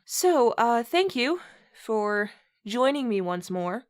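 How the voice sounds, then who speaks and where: Speaking slowly in a fairly high, very animated voice, this host reads a comedic piece aloud between bits of casual conversation. She giggles often and her words keep dissolving into laughter.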